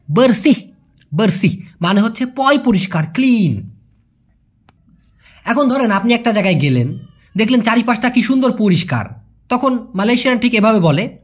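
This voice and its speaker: A man teaching a language lesson in a chatty way, drilling words slowly, repeating them and asking rhetorical questions. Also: sits high, breathy edge. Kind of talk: Bengali-language lesson teaching Malay phrases.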